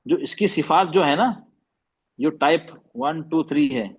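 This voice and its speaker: In an online class lesson, a man teaches Quran recitation over a video call, explaining patiently, repeating terms and demonstrating the sounds. His voice is a little high, a little slow and slightly rough. The recording is rough as well.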